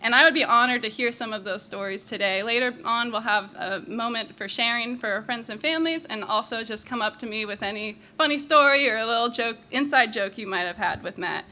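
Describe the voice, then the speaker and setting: A woman's voice: on the high side, fairly quick, hardly any pauses, sharp tone. A woman, a younger sister, giving a prepared memorial speech in a fond, humorous way. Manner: fond and humorous, laughing between lines.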